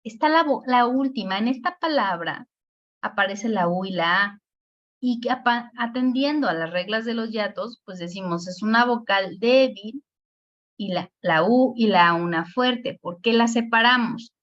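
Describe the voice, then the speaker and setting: A woman with a Mexican accent teaching a spelling lesson, explaining patiently and drawing out words slowly to show the stress. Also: on the high side. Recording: dull lo-fi recording.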